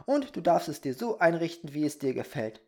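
A storybook reader voicing a small, wide-eyed boy who asks and wishes for things in an excited, eager way. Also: mid-range voice, a little fast, pitched above the performer's own voice, close to an everyday voice.

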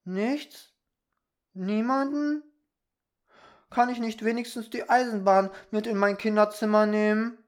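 A storybook reader voicing a small, wide-eyed boy who asks and wishes for things in an excited, eager way. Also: mid-range voice, normal speed, pitched above the performer's own voice, natural voice.

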